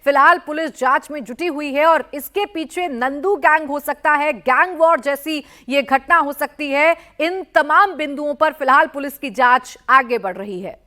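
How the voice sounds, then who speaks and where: A woman's voice: sits high, normal speed, few pauses, sharp tone. A woman anchoring a television news bulletin, reading a crime report with urgent, dramatic delivery.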